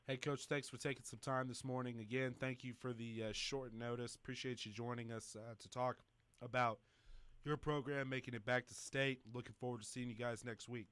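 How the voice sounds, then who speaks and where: A man hosting a high school sports talk show, chatty and joking with fillers. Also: level tone, fairly quick, fairly bright tone, clear, resonant tone, no echo. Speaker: sports radio host.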